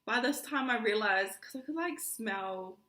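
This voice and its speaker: A woman's voice: on the high side, a little slow. Woman telling a story, echoey room. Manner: animated, laughing, acts out quoted lines. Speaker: vlogger. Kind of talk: casual storytelling.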